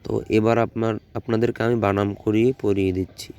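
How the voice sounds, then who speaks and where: A man with a Bangladeshi Bengali accent teaching a grave-visit prayer, reciting it slowly and spelling each Arabic word out letter by letter. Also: on the low side, little pitch movement, dark tone, clean tone, no room sound.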